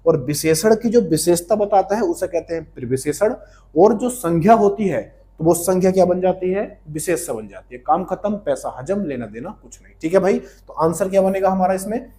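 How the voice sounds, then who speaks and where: A man teaches grammar in a friendly, chatty way and keeps asking the viewer questions. He sits a little high in pitch and answers each question himself, saying the key terms twice. It sounds like a grammar lesson for exam prep. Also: animated, moderate pace, warm tone.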